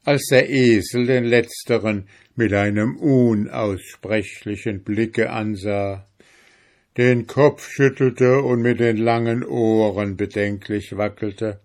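Slow low-voiced male storyteller. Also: fairly even intonation, a little mellow. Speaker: narrator. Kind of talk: fairy tale reading.

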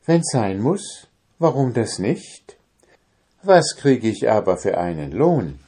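A man voicing a boastful, quick-witted little tailor in a storybook reading, in a raised, cocky voice. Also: very animated, dark tone, husky, heavily acted. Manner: high, boastful, sly.

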